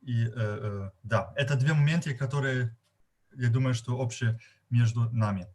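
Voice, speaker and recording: A man from Germany with a German accent gives unscripted forum remarks as a guest, haltingly searching for words as a non-native speaker. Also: medium pitch, darkish tone. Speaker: guest participant at a media forum.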